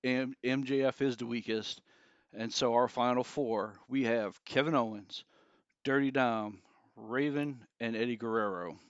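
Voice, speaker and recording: A man's voice: mid-range voice, unhurried, clean tone, no echo. A man co-hosting a podcast, casually narrating an imagined match. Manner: storytelling, acts out wrestler quotes. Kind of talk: casual chat. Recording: slightly dull lo-fi sound.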